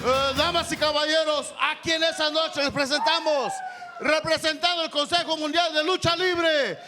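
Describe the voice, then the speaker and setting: A man doing theatrical, drawn-out lucha libre ring announcing, shouted out to an arena. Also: extremely high pitch, steady tone, over loud music.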